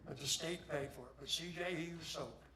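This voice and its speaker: A man's voice: a little high, brisk, sharp tone. An older man, a longtime motorsports official, giving a plainspoken, rambling tribute speech at an induction ceremony. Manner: plainspoken, salty, rambling storyteller. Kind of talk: folksy anecdotal tribute speech. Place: induction ceremony hall with audience. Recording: audience noise throughout.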